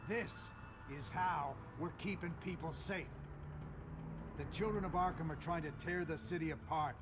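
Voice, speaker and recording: A man's voice: a little high, moderate pace, background noise, lightly acted. A man playing a misguided, stubborn but unsure police officer in a video game, defensively justifying himself. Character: misguided corrupt cop escorting a prisoner, stubborn but wavering.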